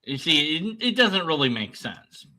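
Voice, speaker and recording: Sardonic man, slow and sharply bright. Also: fairly high pitch, sing-song. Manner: sardonic, dismissive. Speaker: commentator debunking another person's video. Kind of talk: unscripted reaction commentary.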